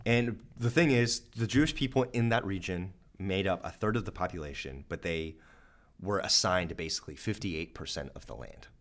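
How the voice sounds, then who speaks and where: A deep-voiced man with a Southern accent from Georgia talks at a moderate pace while co-hosting a church podcast. He explains history casually and animatedly, jokingly acting out the voices of nations.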